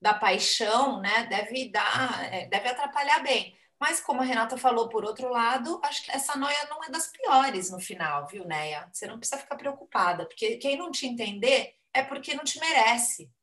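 A Brazilian woman on a podcast, giving gentle, reassuring advice in casual chat. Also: a little high, animated, normal speed, few pauses, roomy sound. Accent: Brazilian Portuguese.

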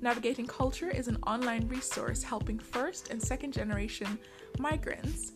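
A woman hosting a podcast, giving the intro and then interviewing her guest with warm encouragement and quick mm-hmms. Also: a little high. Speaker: podcast host. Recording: faint music under the voice.

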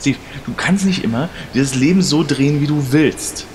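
A man playing Dom in an improvised comedy audio drama, talking loud and panicky and swearing a lot. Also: a little high, normal speed. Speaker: podcast host playing Dom. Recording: noisy recording with long reverb.

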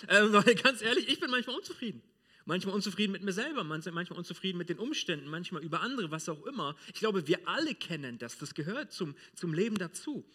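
A man from Germany preaches to his congregation with a high, clear voice. His delivery is lively and direct, and he talks to his listeners informally. The tone is bright and forward. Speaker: pastor. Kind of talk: sermon. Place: church.

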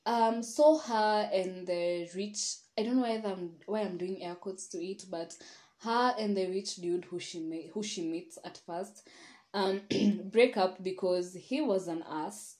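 A woman's voice: medium pitch, a little slow, darkish tone. A woman hosting a solo podcast, giving a frank, rambling review with sighs and asides. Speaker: podcast host. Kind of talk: casual solo review monologue. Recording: echoey room.

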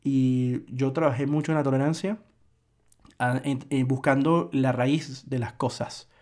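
A man's voice: mid-range voice, steady tone, unhurried, darkish tone. A man hosting a solo podcast, lecturing earnestly in a reflective monologue with frequent restarts. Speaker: podcast host.

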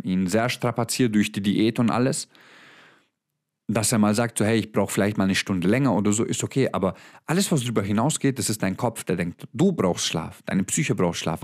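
A man's voice: on the low side, darkish tone. A young man giving a blunt motivational monologue straight to the listener, swearing freely and mixing English words into his German. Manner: emphatic, addresses listener directly. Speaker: motivational speaker.

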